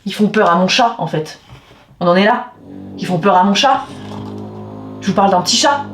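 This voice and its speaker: This casual vlog has a woman venting at the camera, exasperated, swearing and making theatrical outbursts. Her medium-pitched voice moves at a moderate pace, with a little hiss or hum, faint music and room echo behind her.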